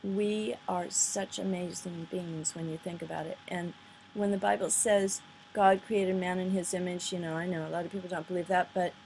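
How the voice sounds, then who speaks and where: Talking casually over played videos, a video commentator rambles earnestly and off the cuff. Her voice is fairly low and a touch mellow, and the poor home recording carries a bit of hiss or hum.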